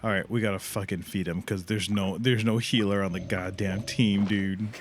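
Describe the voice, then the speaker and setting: A live streamer with a lowish, steady voice casually commentates his gameplay at a moderate pace, swearing in slang and sounding impatient and exasperated. Video game music plays in the background.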